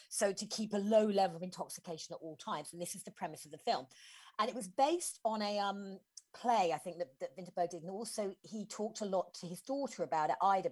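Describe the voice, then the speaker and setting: A woman in her forties co-hosts a casual film review podcast, chatting away as she explains a movie's plot in detail and restarts her sentences often. Her voice is lowish, with a darkish tone and a slightly rough edge.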